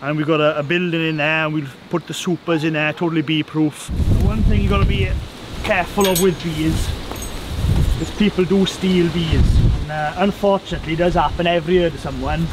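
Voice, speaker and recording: Against background noise, a Welsh beekeeper in his thirties speaks fairly quickly in a higher-pitched voice. He's relaxed in this casual interview chat and repeats words often. The setting is a farm kitchen and a woodland hive site.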